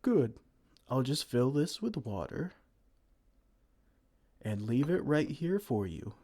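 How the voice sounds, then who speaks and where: In this ASMR roleplay, a man plays a kind, gentle giant caring for a tiny human, speaking softly and soothingly with tender pet names. His mellow, dark voice moves slowly, its pitch rising and falling warmly. The delivery is sing-song and exaggerated.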